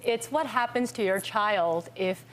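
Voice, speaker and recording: A woman's voice: medium pitch, a little slow, a little hiss or hum. A middle-aged woman, a children's ear, nose and throat doctor, earnestly explaining and demonstrating as a guest in a TV studio. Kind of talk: explaining on a talk show.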